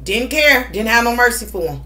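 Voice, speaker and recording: A woman's voice: fairly high pitch, lively intonation, brisk, sharp tone. A middle-aged woman giving testimonial vlog talk in a preacher-like, emphatic way, repeating short phrases. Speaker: mukbang vlogger. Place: small indoor room at home.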